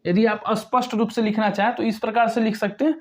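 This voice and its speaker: A math teacher working step by step through a problem, asking questions and answering them himself, with long pauses between words. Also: mid-range voice, level tone. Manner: asks and answers own questions. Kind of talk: step-by-step whiteboard lesson. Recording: dull lo-fi recording.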